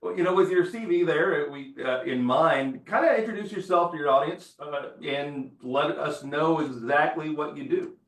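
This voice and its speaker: A man's voice: fairly high pitch, normal speed, hardly any pauses, fairly bright tone, reverberant, far from the mic. A man hosting an interview show, upbeat and welcoming as he introduces his guest. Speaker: podcast host. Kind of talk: hosted interview.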